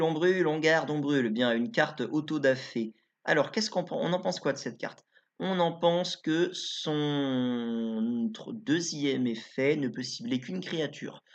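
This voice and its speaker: A man's voice: mid-range voice, vocal fry. A man giving casual card review commentary as a YouTuber, chatty and informal, thinking aloud as he goes. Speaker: YouTuber reviewing game cards. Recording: slightly dull lo-fi recording.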